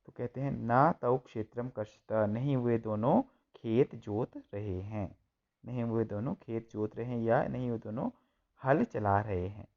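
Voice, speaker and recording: A man's voice: mid-range voice, unhurried, muffled recording. A man teaching a school textbook lesson, reading each line and then translating and repeating it.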